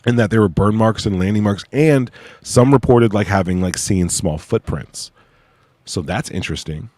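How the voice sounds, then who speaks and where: A man's voice: on the low side, moderate pace, a little mellow, no room sound. A man hosting a casual livestream in an informal, slangy, hesitant way, with a slight whistle on his s sounds. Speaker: livestream host presenting own research project. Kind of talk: casual livestream chat with read-aloud case notes.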